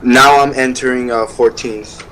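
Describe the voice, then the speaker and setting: A man's voice: mid-range voice, fairly even intonation, unhurried, crowd noise. A man giving brief improvised radio replies as a train operator in a role-play. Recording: noisy radio-chat mic with hum.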